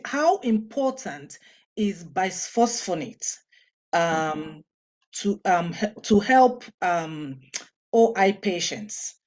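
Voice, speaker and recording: A woman moderating an online webinar, relaying audience questions hesitantly with many ums. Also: mid-range voice. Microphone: video call.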